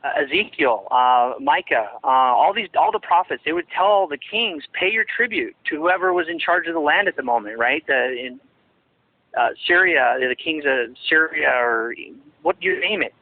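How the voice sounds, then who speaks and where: Interviewed by phone, this former ministry associate talks at a moderate pace in a slightly high voice with lively intonation. The line is tinny and dry with no room sound, and his answers ramble emphatically, with frequent restarts.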